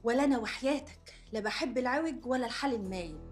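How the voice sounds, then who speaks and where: A woman's voice: fairly high pitch, quick pace, soft background music, natural voice. An actress playing a teasing, quarrelsome young Egyptian woman in a TV drama. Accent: Egyptian Arabic. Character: sharp-tongued young woman teasing her cousin.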